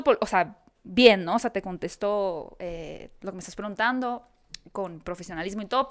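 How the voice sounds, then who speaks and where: A woman's voice: mid-range voice, clean tone. A Mexican woman who interviews actors, chatting casually and animatedly, often correcting herself mid-sentence. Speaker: entertainment interviewer. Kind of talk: casual podcast chat.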